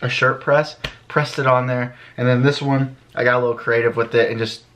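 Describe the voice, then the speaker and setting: Talking fairly quickly in a medium-pitched, level and slightly bright voice, a channel host in his early twenties answers questions casually and with plenty of slang for his vlog. The American is in a small bedroom, with the camera a few feet off, and there's a little hiss or hum.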